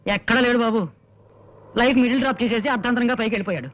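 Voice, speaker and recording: An actor playing an animated man who reminisces about an old friend with playing-card jokes. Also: extremely high pitch, racing, dull audio. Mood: reminiscing. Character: chatty card-playing man full of quips. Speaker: old acquaintance recalling a friend.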